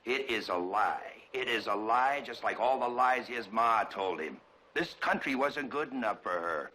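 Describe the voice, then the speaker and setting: A gruff frontier father. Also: medium pitch, lively intonation, unhurried, bright, forceful tone, slight background noise, poor audio. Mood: bitter. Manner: gruff, rustic grammar. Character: stubborn, rough frontier father. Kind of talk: 1960s TV western acting.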